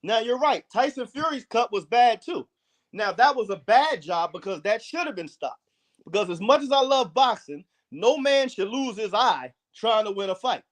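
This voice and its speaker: Emphatic high-voiced man talking boxing. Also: expressive, normal speed. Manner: emphatic, opinionated, argues points firmly. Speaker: podcast co-host. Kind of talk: casual boxing talk.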